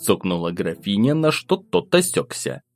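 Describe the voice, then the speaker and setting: A man's voice: fairly low pitch, big pitch swings, normal speed, faint music behind. A man steadily narrating an audiobook and voicing the first-person narrator.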